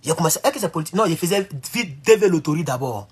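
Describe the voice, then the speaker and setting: A man talking to viewers in a casual live-stream monologue. He rambles and swings between loud, high outbursts and low mutters. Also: animated, very fast, breathy edge.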